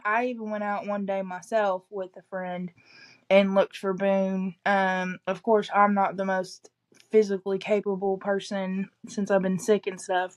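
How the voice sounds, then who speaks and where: Halting woman with an East Tennessee accent. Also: mid-range voice. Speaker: local resident giving an update. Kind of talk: casual chat, recounting local news.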